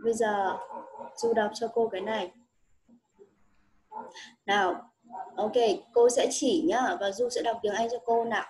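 A woman teacher with a Vietnamese accent guides a young pupil through reading, her voice a touch high. She talks slowly and patiently, coaxing and repeating each word. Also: fairly even intonation, darkish tone, low-quality recording. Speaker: English teacher. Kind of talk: one-on-one reading lesson.

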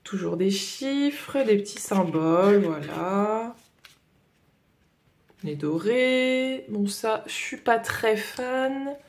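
Vlogger, young adult woman, Northern French Ch'ti accent, unhurried, halting casual chat. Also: medium pitch, animated. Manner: hesitant, many fillers and "voilà". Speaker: coloring vlogger.

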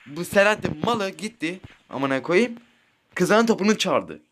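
A teenage gaming streamer, animated and talking at normal speed in a high, fairly bright voice, spins rambling, crude school tales while playing on his phone. Profanity is frequent, he keeps checking in with "right?", and a little hiss or hum is audible.

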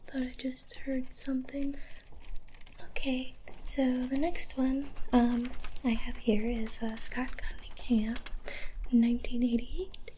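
A young woman in a whispered role-play as a librarian, speaking softly and hesitantly close to the microphone. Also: high-pitched, little pitch movement, slight background noise, low-quality recording. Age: young adult. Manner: soft, hesitant, unhurried. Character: polite, attentive female librarian recommending books. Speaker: ASMR performer playing a librarian.

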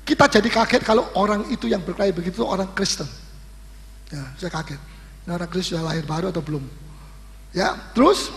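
A male pastor preaching a sermon in a lively, teasing way, often putting questions to the congregation. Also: high-pitched, fast, pauses often. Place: church hall. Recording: echoey hall recording.

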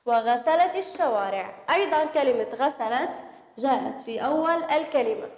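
A woman teacher giving a reading lesson to first-grade children, sounding out letters slowly and clearly. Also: high voice, darkish tone, echoey room, long reverb tail. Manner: slow, drawn-out spelling of sounds.

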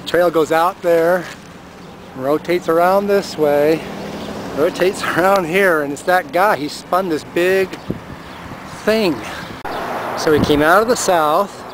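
A man points his handheld camera at the sky, narrating casually and with amusement as he notes what he sees, both by the roadside and from a car. His voice is a little high, slow, and broken by long pauses. Traffic and outdoor noise fill the noisy camera-mic recording.

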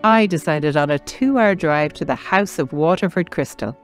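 With light music running behind her, an Irish-accented woman from southern Ireland narrates a travel programme from a script. She sits low in pitch, sounds expressive, and speaks at normal speed.

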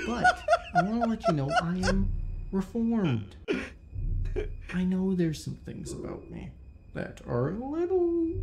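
Man playing a creaky, shifty reformed criminal. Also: high-pitched, very noisy, full character voice. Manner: deadpan, insistent, halting, self-justifying. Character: shifty self-excusing criminal man pleading to become a cop. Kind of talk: character monologue to camera. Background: clear music.

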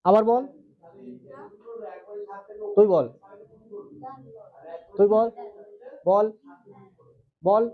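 A man's voice: high-pitched, drawn-out words, long pauses, phone-quality sound. A male teacher giving a classroom grammar lesson with a West Bengal Bengali accent, quizzing students and stretching out syllables as he goes. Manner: drills students, asks questions, stretches syllables.

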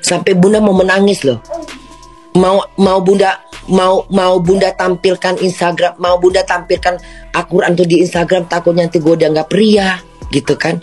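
Loud, rambling woman livestream host. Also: on the low side, little pitch movement, normal speed, breathy edge, soft background music. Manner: loud, indignant, rambling with many restarts. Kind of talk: livestream rant.

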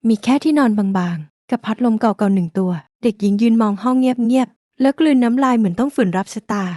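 A woman narrates a bedtime folk tale in a gentle, measured way. Her voice sits a little high with a mellow, soft tone, recorded close and completely dry. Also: no room sound. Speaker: storyteller. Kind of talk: storybook narration.

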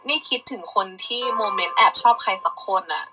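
A woman's voice: a little high, animated, fairly quick, rough recording. A young woman chatting casually on a livestream, rambling and giggly as she explains a music video. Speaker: idol livestreamer.

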